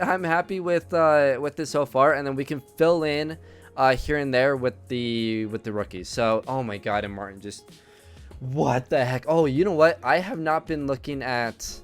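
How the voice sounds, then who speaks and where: A man's voice: on the low side, smooth. A man giving casual gameplay commentary, thinking aloud with many ums and uhs. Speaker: video game commentator.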